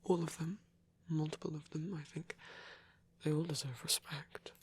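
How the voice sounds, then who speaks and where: In an intimate ASMR roleplay, a performer voices a gentle, caring male vampire priest, whispering breathily in a measured, slightly formal way. His medium-pitched voice holds a steady tone, and the mood is earnest and soothing.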